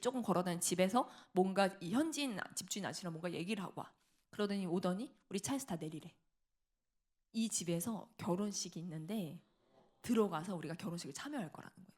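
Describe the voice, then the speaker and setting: A middle-aged woman preaches in a church, telling a testimony at a quick clip. She drops into the voices of the people in her story and keeps the telling lively. Her voice sits at an ordinary middle pitch. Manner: lively storytelling with laughter and acted-out quotes. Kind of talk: sermon testimony. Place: church sanctuary.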